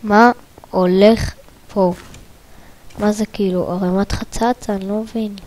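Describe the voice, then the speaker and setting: A woman talks through her own gameplay in a let's play. Her voice sits at a middling pitch. She mutters quiet asides under her breath, then breaks into loud, excited strings of repeated exclamations. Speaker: gaming video creator.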